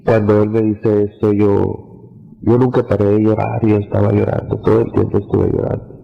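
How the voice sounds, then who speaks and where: Low gravelly preacher in a reverberant hall. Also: male voice, level tone, normal speed. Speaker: preacher recounting a vision. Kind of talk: testimony sermon. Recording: dull lo-fi audio with long reverb.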